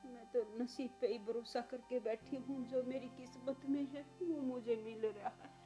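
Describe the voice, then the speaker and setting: A woman playing a frail elderly mother-in-law who talks in a slow, pleading, tired way. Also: on the high side, fairly even intonation, mellow, close to an everyday voice. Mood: weary. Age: older. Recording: background music under voice.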